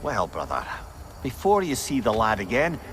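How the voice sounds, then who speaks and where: An actor with a Scottish accent playing a witty, eloquent advisor and companion in a video game, wry and chatty. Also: male voice, medium pitch, wildly swooping pitch, moderate pace, noisy background. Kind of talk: video game character acting.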